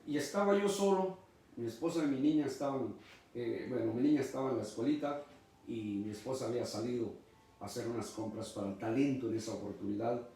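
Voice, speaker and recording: A man's voice: mid-range voice, a little fast, warm tone. A middle-aged man preaching a sermon as pastor, emphatic and preacherly. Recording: echoey room, mic far off.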